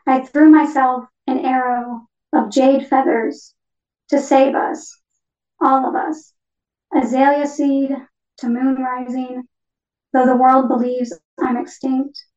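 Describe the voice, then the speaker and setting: A tender parakeet spirit, read by a woman in a high, lyrical voice. The poem comes over a dull, lo-fi online link from well back from the mic. The room around her is echoey. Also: fairly even intonation, slow pace, a little mellow. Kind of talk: poetry reading. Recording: distant echoey lo-fi online call.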